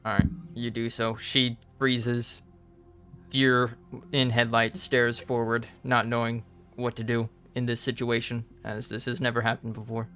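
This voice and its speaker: A man narrating a tabletop role-playing game as game master, improvising in halting pieces. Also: medium pitch, level tone, a bit bright. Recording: music behind the voice.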